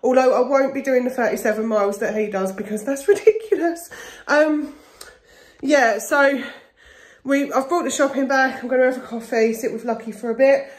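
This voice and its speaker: A woman's voice: high voice, normal speed, no echo. A middle-aged woman chatting casually and confidingly, rambling as she vlogs into a phone at arm's length. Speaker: vlogger. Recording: noisy handheld phone recording, ambient sound.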